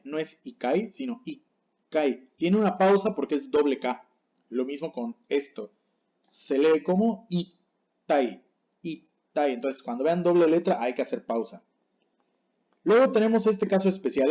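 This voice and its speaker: A man teaching a pronunciation lesson over a dull, lo-fi recording, his voice mellow and a little higher than most men's. He is patient, repeats each word slowly to set right against wrong, and keeps checking in with his viewers. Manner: checks in with the class often. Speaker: language teacher. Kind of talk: explaining Japanese pronunciation on screen.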